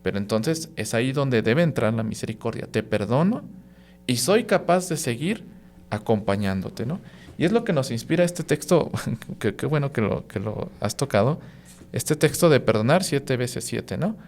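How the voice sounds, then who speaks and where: Reflective priest, unhurried. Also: male voice, medium pitch, lively intonation, a little mellow. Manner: reflective, explains with everyday examples; frequent "¿no?" and "¿sí?" tag questions. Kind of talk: radio podcast reflection.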